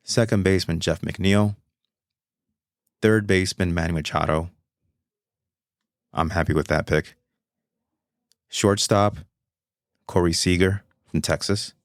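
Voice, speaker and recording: Male podcast host, very low gravelly voice, loose rambling delivery, dry close sound. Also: no room sound. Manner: rambling, self-correcting, chatty. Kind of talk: casual solo podcast talk.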